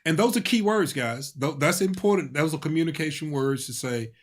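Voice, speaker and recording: A man's voice: a little high, a little fast. A man co-hosting a casual couples talk show, speaking emphatically in a preacher-like way and often affirming his partner. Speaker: co-host.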